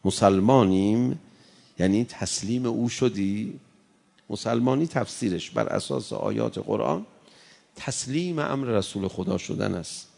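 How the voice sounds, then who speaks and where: A man preaching a sermon, reciting Arabic verses and swinging between hushed, intimate passages and impassioned rises. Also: on the low side, gravelly.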